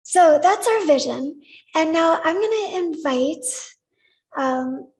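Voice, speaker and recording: A woman leading a congregation in worship, gently inviting them to repeat words back to her. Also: extremely high pitch, lively intonation, takes it slowly, rough recording. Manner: gentle, inviting, leads call-and-response. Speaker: service leader. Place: church sanctuary.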